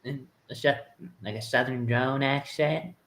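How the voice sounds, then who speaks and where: A co-host giving casual reaction commentary, giggling often and making drawn-out remarks. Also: mid-range voice, fairly even intonation, a bit bright.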